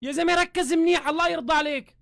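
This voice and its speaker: A Syrian man with a Syrian Arabic accent, ranting heatedly on a live stream, swearing oaths and shouting in bursts. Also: very high-pitched, steady tone, very fast, gravelly, dry recording, studio quality. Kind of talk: angry live-stream rant. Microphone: phone camera.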